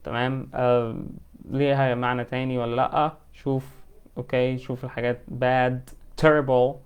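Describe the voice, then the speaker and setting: A man with an Egyptian Arabic accent teaching an English lesson, explaining in colloquial Arabic and reading English example sentences slowly and carefully. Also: mid-range voice, little pitch movement, smooth, muffled recording.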